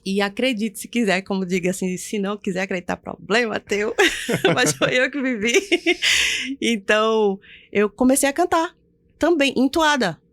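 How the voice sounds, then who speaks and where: A middle-aged woman pastor shares her testimony in a relaxed interview at an ordinary, middling pitch. She tells it with lots of animation and acts out the voices of the people in her story. The recording is dry and close, with almost no room sound. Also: moderate pace, no room sound. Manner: animated storyteller who acts out quoted voices and laughs often. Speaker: pastor, podcast guest. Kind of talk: personal testimony in a casual interview.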